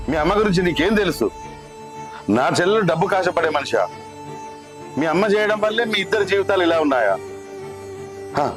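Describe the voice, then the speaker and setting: A man's voice: a little high, close to an everyday voice. A man playing a stern middle-aged uncle scolding his niece. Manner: stern, scolding, rhetorical questions. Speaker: maternal uncle.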